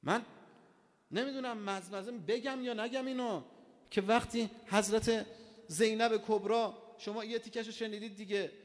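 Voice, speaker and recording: A male preacher giving an impassioned sermon, swinging between hushed and loud. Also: high-pitched, fairly even intonation. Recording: long hall reverb.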